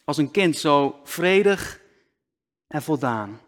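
A man preaching a sermon slowly and deliberately, often dropping to a near-whisper for emphasis, speaking into a microphone. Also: on the high side, expressive, a bit bright. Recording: long hall reverb.

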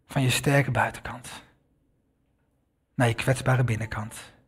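A man's voice: mid-range voice, steady tone, a little slow, a bit bright, husky. A man preaching a sermon, telling a story in an earnest way and addressing the listeners directly. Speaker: pastor.

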